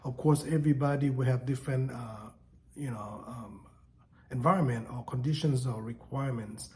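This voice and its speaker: A man in his fifties who grew up in Thailand talks unscripted to camera, stopping and restarting often with plenty of fillers. His voice sits at an ordinary pitch with a soft, mellow tone. It feels like an easygoing home vlog. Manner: halting, many fillers and restarts. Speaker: vlogger. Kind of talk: casual unscripted talk to camera.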